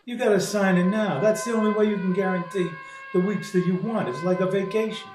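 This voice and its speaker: A man playing a big, forceful mobster-style house painter giving a hard sell, pitched up and loud. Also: steady tone, brisk, reverberant, recorded from a distance, faint music behind, lightly acted. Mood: pushy. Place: home patio. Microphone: computer's built-in microphone.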